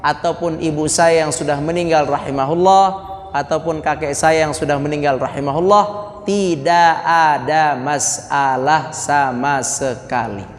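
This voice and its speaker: Slow-speaking male preacher in a reverberant hall. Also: on the high side, fairly even intonation. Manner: slow, deliberate, repeats phrases for the audience to follow; conversational and joking asides. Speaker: Islamic preacher. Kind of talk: religious teaching lecture.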